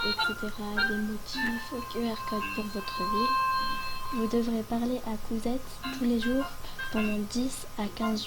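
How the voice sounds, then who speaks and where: A woman with a hoarse, sick voice giving an informal, explanatory tutorial voice-over. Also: on the high side, rough recording. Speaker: video creator presenting a game guide. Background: background music.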